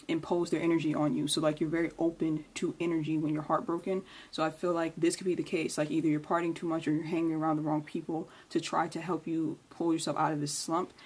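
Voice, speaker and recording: A woman giving a casual tarot reading at home, speaking quietly at night so as not to wake the house. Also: slightly rough. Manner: quiet, low-key speaking at night, keeping it down for sleeping housemates. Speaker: tarot reader, channel host.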